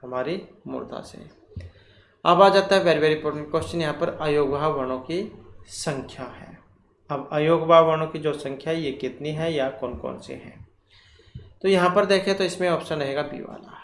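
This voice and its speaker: A man teaching Sanskrit grammar for exam preparation. He works through quiz questions slowly and deliberately, asks himself questions and repeats the key terms. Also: fairly high pitch. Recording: echoey room, faint ambient noise.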